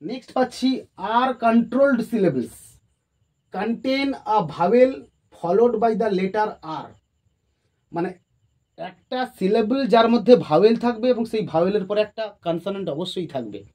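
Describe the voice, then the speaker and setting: Working at the board, this grammar teacher reads out definitions one word at a time and then unpacks them, going over the key terms again with patience. The voice is medium-pitched and mellow, with lively intonation.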